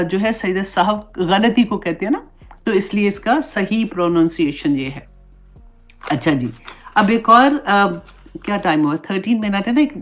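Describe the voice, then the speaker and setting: Woman teacher with a fairly low voice, explaining religious rules in a relaxed, chatty way. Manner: conversational, mixes English words into explanations. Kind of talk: Islamic class lesson.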